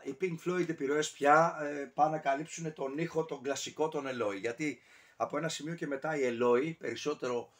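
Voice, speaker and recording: A man's voice: a little high, fairly even intonation, a bit bright. A man casually ranking albums on camera, talking in a rambling, digressive way with many fillers and self-corrections. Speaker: music reviewer.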